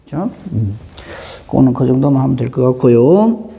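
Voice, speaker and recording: A man preaching a dawn prayer sermon in a conversational way, often clearing his throat and asking the congregation questions. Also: mid-range voice, expressive, moderate pace, warm tone, in a large hall, lo-fi sound. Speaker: pastor.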